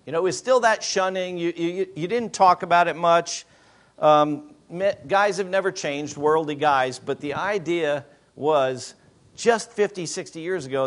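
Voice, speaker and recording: A man's voice: fairly high pitch, fairly bright tone. A man in his fifties, a pastor, preaching a sermon with emphatic rhetorical questions to a congregation. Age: 50s.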